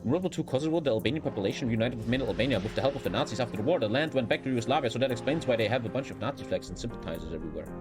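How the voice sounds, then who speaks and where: A German-accented streamer talks rapid-fire with hardly any pauses, his mid-range voice expressive, while loud music plays behind him. He chats casually over gameplay in a rambling, blunt, heavily sweary way.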